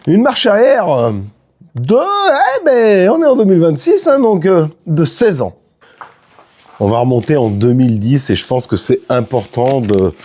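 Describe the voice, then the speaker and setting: A man's voice: medium pitch, dark tone. A middle-aged man vlogging casually outdoors beside his boat, chatting in a rambling way with fillers and restarts. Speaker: fishing YouTuber. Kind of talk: casual vlog chat. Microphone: wireless clip-on mic.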